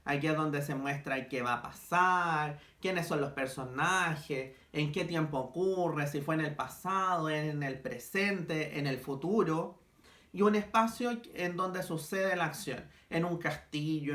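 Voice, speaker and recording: A man teaching a language class to young pupils, spelling out examples slowly for children. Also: a little high, a bit bright. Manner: slow, stretched-out examples for children. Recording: echoey room.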